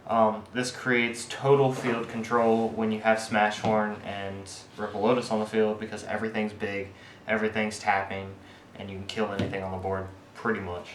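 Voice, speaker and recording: A man with a fairly low voice talks through his card game deck in a casual, halting way, pausing on fillers as he explains each choice. The room around him is echoey, with a faint hiss underneath. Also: little pitch movement. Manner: halting, many fillers and restarts while explaining. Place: indoor room with friends nearby.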